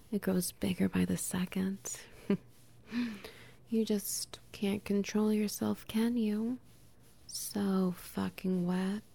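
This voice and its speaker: Slow, husky whispering woman. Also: mid-range voice. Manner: soft, teasing, slow whispering with quiet laughs. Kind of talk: whispered intimate audio roleplay.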